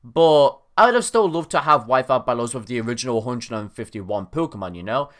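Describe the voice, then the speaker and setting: A young man giving casual, excited reaction commentary on game news, his voice cracking now and then. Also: mid-range voice, fairly quick. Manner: excitable, animated, frequent self-corrections. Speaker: gaming YouTuber.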